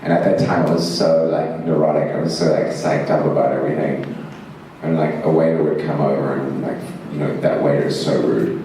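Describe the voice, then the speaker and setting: A man's voice: very deep voice, steady tone, a little fast, dark tone, recorded from a distance, slight background noise. A man from Zimbabwe, an actor answering fan questions at a convention panel, rambling and self-mocking with frequent laughs and fillers. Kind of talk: convention Q&A storytelling. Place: large convention hall. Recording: echoey hall, mic heard from afar.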